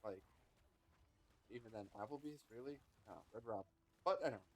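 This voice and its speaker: A man's voice: mid-range voice, brisk, a little hiss or hum, low-quality recording. A man streaming a game, chatting casually and rambling between moves, swearing now and then. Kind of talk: casual gameplay chat.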